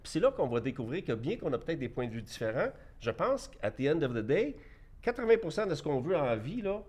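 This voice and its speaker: His voice is fairly high, sing-song and fairly quick, a little mellow with a breathy edge. He's an entrepreneur in his fifties from Quebec with a Québécois French accent, bluntly airing opinions as a debate interview guest and often restarting sentences.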